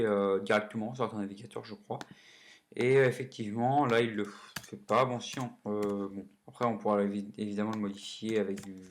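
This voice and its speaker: A man's voice: mid-range voice, slight background noise. A man hosting a casual coding lesson, chatty and full of fillers, self-corrections and little joking asides. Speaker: coding tutorial host.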